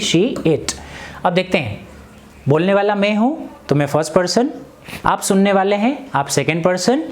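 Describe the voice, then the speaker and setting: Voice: medium pitch, darkish tone. An English teacher explaining grammar in Hindi, asking questions and answering them himself, with repetition drills.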